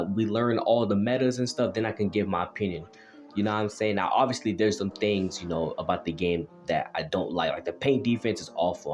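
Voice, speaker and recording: A man's voice: fairly low pitch, a little mellow. A young man giving casual, laid-back commentary over a video game, full of slang and filler phrases. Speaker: gaming YouTuber.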